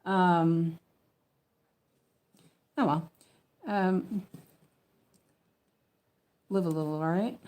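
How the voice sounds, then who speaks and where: A woman with a lisp that slurs her s toward sh, chatting casually and haltingly as she stitches, often correcting herself and thinking aloud. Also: fairly low pitch, fairly even intonation, darkish tone. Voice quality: lisp, slushy sh for s. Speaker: craft streamer. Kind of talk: casual rambling chat while stitching.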